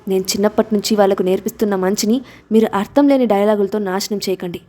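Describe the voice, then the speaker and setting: A woman's voice: medium pitch, steady tone, fast talker, mellow, lightly acted. A woman voicing a principled mother who speaks firmly in a storybook reading. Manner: firm, scolding. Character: principled gentle mother, firm when crossed.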